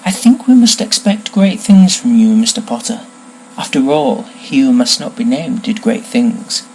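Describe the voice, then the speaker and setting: A man voicing an intense, eerie old male wandmaker in a storybook reading, with a soft, hushed, lilting voice. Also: high-pitched, sing-song, normal speed, slight background noise, voice pushed up, low-quality recording. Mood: ominous.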